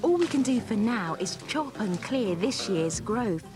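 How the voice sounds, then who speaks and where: A woman's voice: fairly high pitch, very animated, unhurried. A woman narrator reading a scripted science programme for children. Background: music.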